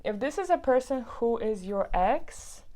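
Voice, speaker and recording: A woman's voice: on the high side, measured pace. A woman giving a casual tarot reading to her viewers, chatty and heartfelt, filling her talk with "like" and "you know.". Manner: reads card texts aloud in a calmer tone. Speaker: tarot card reader.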